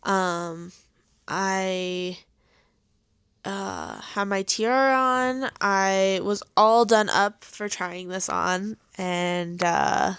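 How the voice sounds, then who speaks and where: An American woman hosting a casual podcast chat in a halting, conversational way, with slightly soft R's. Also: mid-range voice, fairly even intonation, clear, resonant tone, no echo, clean studio sound. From Colorado, United States. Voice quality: soft R's, not fully pronounced. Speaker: podcast host, bride-to-be.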